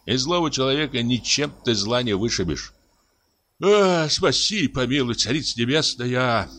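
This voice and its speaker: A man's voice: medium pitch, lively intonation, fairly quick, a bit bright, pitched above the performer's own voice. A man voicing a pious, frightened forest warden in a read-aloud story, plaintive and sighing. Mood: grumbling.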